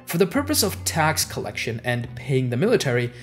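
With big pitch swings and a fairly quick, slightly bright mid-range voice, a young man narrates scripted history lessons explanatorily as a channel host. He is a native Urdu speaker recording indoors in a small home office over background music.

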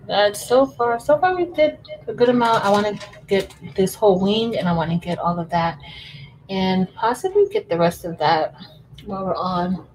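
Chatty and quick to laugh, a thirtysomething woman calls her viewers "y'all" as she crafts at a table at home during a casual livestream. Her voice sits on the low side with a darkish tone, and the low-quality recording has a little hiss or hum.

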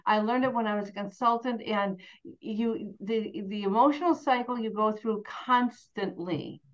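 A woman's voice: mid-range voice, normal speed. Woman team leader, candid and chatty, mid-range voice, acts out inner self-talk, dull lo-fi recording. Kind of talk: motivational team meeting talk. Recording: dull lo-fi sound.

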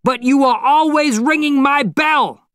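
A man voicing an irritable neighbour woken at night, shouting angrily down the stairs in an audiobook. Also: very high-pitched, unhurried, dry recording, clean studio sound, voice pushed up. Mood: angry. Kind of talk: audiobook character voice.

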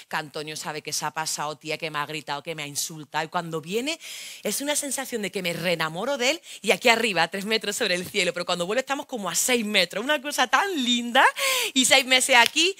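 A woman's voice: a little high, sharp tone. A woman with a Spain Spanish accent performing a theatrical monologue, telling her story frankly and crudely, straight to the audience.

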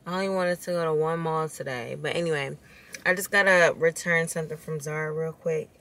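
A woman's voice: sits low, steady tone, brisk, a bit bright. A woman in her twenties with an American accent, chatting casually and informally to camera in a slangy vlog style. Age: 20s. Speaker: vlogger. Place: inside a car. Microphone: handheld or mounted camera at arm's length.

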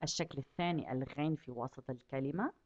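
A woman teaching a kindergarten class, asking the children questions and drawing out each word slowly so they can repeat it. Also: a bass voice, darkish tone, lo-fi sound. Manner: asks children questions and stretches out words slowly to model them. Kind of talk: lesson for young children.

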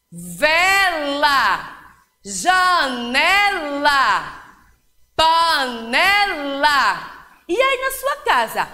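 A woman teacher leading a reading lesson for young children, drawing out words slowly in a sing-song way. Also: extremely high pitch, bright, forceful tone. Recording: echoey roomy hall.

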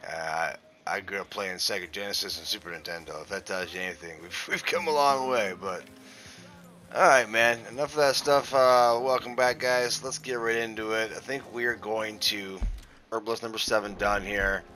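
A man's voice: fairly low pitch, fairly even intonation, moderate pace, pushed and bright. A middle-aged man hosting a gaming channel, giving rambling, casual gameplay commentary with mild swearing. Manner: rambling, casual, mildly profane.

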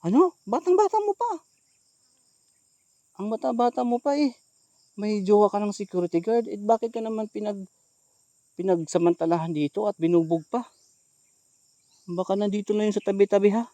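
A man vlogging as a ghost hunter outdoors in the countryside, calling out loudly to someone and then dropping to hushed asides for his viewers. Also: sits high, dry recording. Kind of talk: outdoor staged vlog narration.

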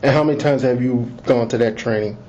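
A man, a police lieutenant, reads out a formal interview script slowly and deliberately, captured on an interview audio recorder. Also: mid-range voice, mellow. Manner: slow, deliberate, measured reading. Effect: interview taped on an audio recorder, like an interrogation tape. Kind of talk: formal official interview, reading set admonitions. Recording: muffled lo-fi interview recorder audio with faint hiss.

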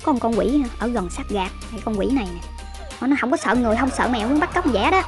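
A woman's voice: a little high, animated, crowd noise. A woman narrating a travel vlog as a voice-over, chatty and teasing. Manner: chatty, teasing, rapid storytelling. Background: background music.

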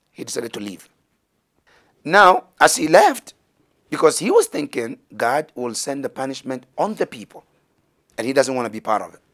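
A middle-aged man telling a religious story as a teacher, gesturing and acting out the voices of the people in it, in a small indoor studio on a lapel mic. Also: mid-range voice. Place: studio set with banners, indoors.

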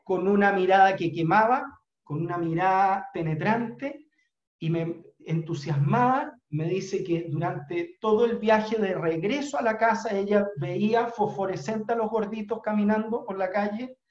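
A middle-aged man with a Chilean accent, a business trainer telling a motivational story in an earnest, unhurried way with frequent fillers, on a video call from a room at home. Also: high-pitched. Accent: Chilean Spanish. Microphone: webcam on video call. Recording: roomy, dull webcam audio.

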